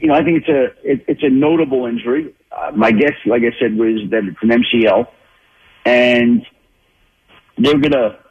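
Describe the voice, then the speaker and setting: A man phones in to break down the week's football, voice husky and a little breathy. The line is thin and tinny, like a call patched into a radio studio. He talks in loose, restarting sentences, doubling back on his words as he thinks. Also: mid-range voice. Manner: thinking aloud with many restarts and repeated words. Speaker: NFL insider guest. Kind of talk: phone-in sports analysis.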